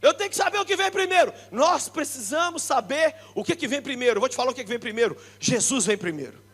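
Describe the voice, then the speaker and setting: A middle-aged Brazilian pastor with a Brazilian Portuguese accent preaches to a church crowd in a very high voice. He jokes, shouts his main points and slips into quick impressions of the people he talks about. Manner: energetic and joking, shouting the key points, acting out quoted people. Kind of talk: lively sermon. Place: church congress hall.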